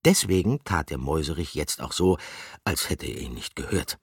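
Brief: animated male storybook narrator, low, husky, dry studio. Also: moderate pace, no echo. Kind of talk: children's story reading.

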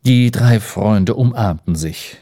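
A man narrating an audiobook in an expressive storytelling manner. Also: fairly low pitch, slow, no echo, studio quality.

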